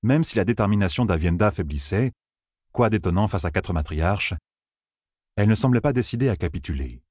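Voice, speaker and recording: Deep, husky male audiobook narrator. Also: lively intonation, fairly quick, darkish tone, no room sound, studio quality. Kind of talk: scripted fantasy narration.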